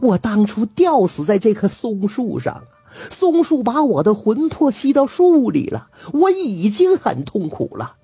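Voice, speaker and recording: A man putting on a shrill vengeful female ghost. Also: wildly swooping pitch, unhurried, mellow, slightly rough, dry recording, heavily acted. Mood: anguished vengeful. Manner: shrill, grieving, accusing.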